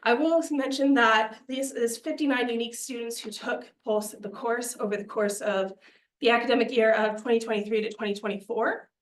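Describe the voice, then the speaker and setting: A woman's voice: fairly high pitch, fairly even intonation, a little fast. A young woman presenting a student media budget to a committee, earnest and persuasive, a little out of breath. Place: meeting room. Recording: echoey meeting room.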